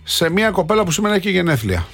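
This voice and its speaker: Gravelly, animated man co-hosting. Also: high-pitched, faint music behind. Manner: teasing, repeats phrases for comic effect. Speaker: radio co-host. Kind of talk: casual banter.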